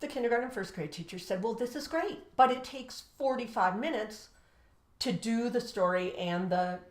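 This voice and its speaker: In an echoey room, an American woman co-hosting an education show speaks at a moderate pace in a slightly high voice. A teacher, she tells lively classroom anecdotes, acts out conversations, and offers teaching advice with emphasis.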